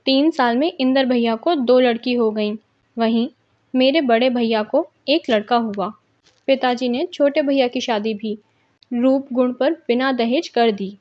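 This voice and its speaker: Measured woman storyteller, fairly high voice. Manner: measured, phrase-by-phrase pauses. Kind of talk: first-person story narration. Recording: dull lo-fi recording.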